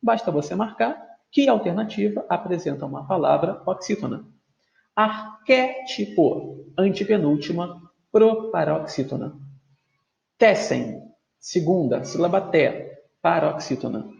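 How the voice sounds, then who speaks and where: High-voiced yet gravelly and a little mellow, a man with lively intonation leads a grammar video lesson. He takes his time, stretching words out syllable by syllable and regularly checking on students with "tudo bem?"; the sound is dull and lo-fi in an echoey room.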